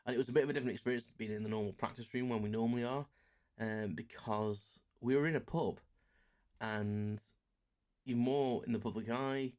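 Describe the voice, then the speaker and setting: This podcast host is a roughly forty-year-old Englishman chatting alone on his show, wandering off topic, poking fun at himself and using lots of fillers. He speaks fairly quickly in a medium pitch with fairly even intonation and a slightly mellow quality.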